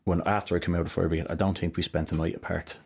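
Fast-talking deep-voiced Irish man. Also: creaky, husky. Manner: animated storyteller, many restarts. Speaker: podcast guest. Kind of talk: casual interview chat.

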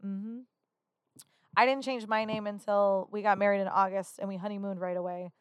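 A woman's voice: medium pitch, little pitch movement, moderate pace, clean tone, no echo. A woman co-hosting a podcast, telling stories in a chatty, blunt way with some swearing. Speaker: podcast co-host. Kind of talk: casual chat.

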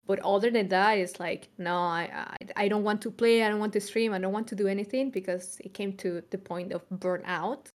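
A woman's voice: medium pitch, steady tone, a little fast, hardly any pauses. A young woman from Chile co-hosting a podcast, talking casually and reflectively, with frequent fillers and restarts. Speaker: podcast co-host.

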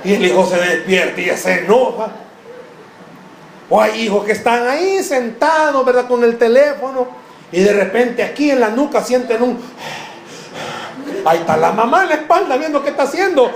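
A man preaching a sermon, his voice pitched high. He puts questions straight to the congregation, drops in joking asides and slows right down to hammer key words. The sound rings around a reverberant room with a faint hum underneath. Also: animated. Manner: slows and stresses words for emphasis. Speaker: pastor. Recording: echoey room, faint background noise.

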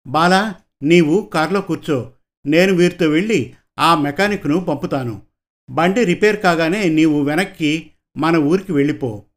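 A man's voice: a little high, normal speed, long pauses, lightly acted. A man reading a story, voicing a friendly, good-humored young police sub-inspector. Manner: easygoing, smiling. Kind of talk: audiobook character voice.

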